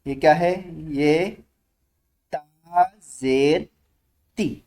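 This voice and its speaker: A man teaching Quran reading, calling out letter sounds slowly and stretching each one for learners to repeat. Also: on the high side, fairly even intonation. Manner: asks learners to repeat loudly after him. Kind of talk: slow drilled recitation lesson.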